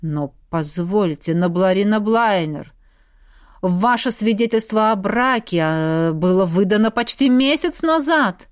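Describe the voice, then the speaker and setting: A woman voicing a calm, polite male clerk who speaks slowly and gently. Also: medium pitch, no echo, studio quality, lightly acted. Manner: slow, measured and gentle.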